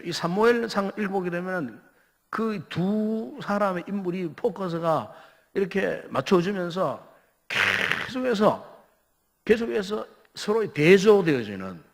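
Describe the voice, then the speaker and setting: Husky Gyeongsang pastor in an echoing church. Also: male voice, a little high. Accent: Gyeongsang Korean. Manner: emphatic, rhetorical questions, dramatic pauses. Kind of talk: Friday prayer meeting sermon. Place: church sanctuary. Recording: reverberant church sanctuary.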